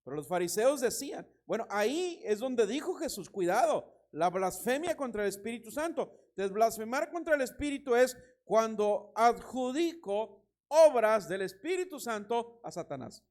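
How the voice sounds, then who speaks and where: A man preaching a sermon as pastor, reading scripture and telling anecdotes with lively emphasis and a Mexican Spanish accent. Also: very high-pitched, normal speed. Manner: animated preaching, reads scripture, tells anecdotes with laughter.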